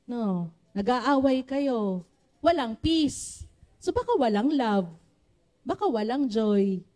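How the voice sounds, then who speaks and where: A woman with a Filipino accent preaching a sermon to a church congregation, with a naturally loud voice, often calling on the congregation to respond. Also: fairly high pitch, expressive, slow pace. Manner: switches between Tagalog and English, asks the congregation for responses.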